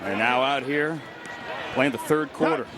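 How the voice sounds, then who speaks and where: A man's voice: medium pitch, unhurried, over a noisy crowd. A man calling American football play-by-play in short, punchy phrases from a stadium. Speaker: play-by-play announcer. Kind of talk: live American football commentary. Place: outdoor football stadium broadcast. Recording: loud outdoor stadium noise behind voice.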